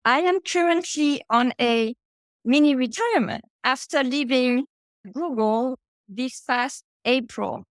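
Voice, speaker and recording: A French woman in her thirties with a high voice and French accent tells her story as a podcast guest, taking it slowly. Her casual storytelling is chatty and open, with frequent fillers and asides, on a dry recording.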